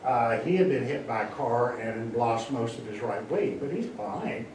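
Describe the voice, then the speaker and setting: Older male guest speaker, chatty and animated, mid pitch; distant mic in a roomy space. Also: normal speed. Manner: chatty, animated, acts out bird voices. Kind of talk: casual public talk. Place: library meeting room. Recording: echoey room, distant mic, faint hiss.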